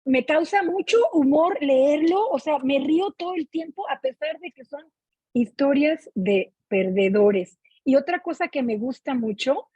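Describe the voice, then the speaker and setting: Her voice high, animated and mellow, a middle-aged woman with a Mexican accent chats unhurriedly about what she's been reading for her book club. She often checks whether listeners agree. The recording comes from an online meeting and sounds muffled and echoey.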